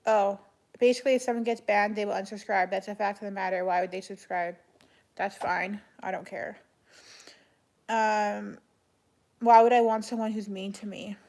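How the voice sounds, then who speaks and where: A woman chatting casually on a livestream as she answers viewers, speaking in a flat monotone with a creaky voice. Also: mid-range voice, moderate pace. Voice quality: creaky vocal fry. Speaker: live streamer answering chat.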